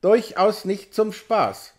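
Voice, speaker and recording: A man's voice: high voice, big pitch swings, takes it slowly, voice pushed up, full character voice. A man reading an audiobook, voicing a brash, cynical young male patient with a nonchalant, mocking drawl. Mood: coolly mocking.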